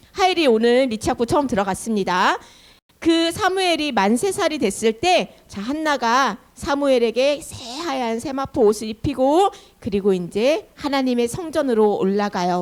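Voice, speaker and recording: Animated woman telling a Bible story to kids. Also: fairly high pitch. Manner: animated storyteller, asks children questions. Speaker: children's Sunday school teacher. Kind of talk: Bible story told to children.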